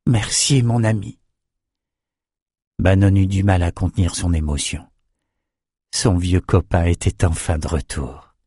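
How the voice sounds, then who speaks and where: A man narrating a fantasy audiobook in a measured, even storytelling voice. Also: deep voice, slightly rough, no room sound, clean studio sound.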